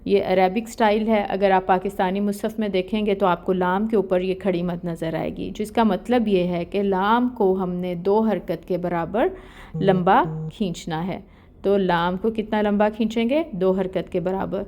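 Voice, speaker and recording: A woman's voice: mid-range voice, fairly even intonation, darkish tone. A woman teaching Quran recitation rules, explaining each letter patiently and step by step. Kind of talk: step-by-step tajweed lesson.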